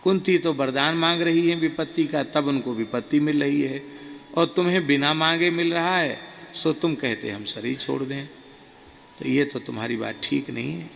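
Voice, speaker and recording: Old guru, gravelly and emphatic, gently scolding, as a monk puts him on in his story; reverberant hall. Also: on the high side, moderate pace. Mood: chiding. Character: elderly male guru, kindly but firmly chiding. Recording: reverberant hall, faint ambient noise.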